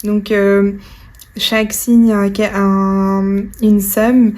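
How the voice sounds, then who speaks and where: A woman's voice: medium pitch, flat delivery, drawn-out words, darkish tone, a little hiss or hum. A woman vlogger chatting casually to camera as she unpacks a gift parcel, gushing and full of fillers. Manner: gushing, bubbly, lots of fillers and "trop".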